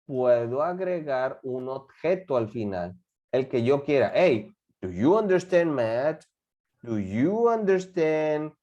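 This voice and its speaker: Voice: medium pitch, mellow. An English teacher giving a classroom lesson, repeating and acting out example phrases. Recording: dull lo-fi recording.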